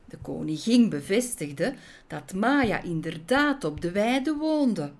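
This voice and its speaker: A woman reading a children's story aloud with expressive, melodic storytelling. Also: medium pitch, takes it slowly.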